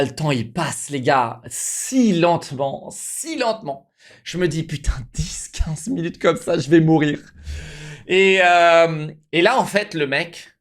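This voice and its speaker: A young man, a streamer telling a story casually to his live chat, animated and repetitive, often calling out to the viewers. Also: a little high. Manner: animated, repeats himself, addresses viewers as guys.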